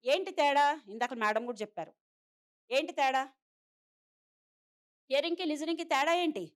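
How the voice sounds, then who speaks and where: A woman's voice: high voice, moderate pace. A middle-aged woman giving a seminar lecture to parents. She explains step by step, mixes in English terms and asks the audience rhetorical questions. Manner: mixes many English terms into her talk. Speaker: trainer of parents of hearing-impaired children.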